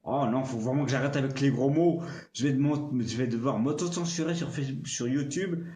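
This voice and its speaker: A man's voice: mid-range voice, a little fast, warm tone, roomy sound. A man casually reviewing a small speaker on a livestream, chatty and playful, talking straight to the viewer. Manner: chatty and playful, addresses viewer with tu, occasional swearing. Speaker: tech reviewer.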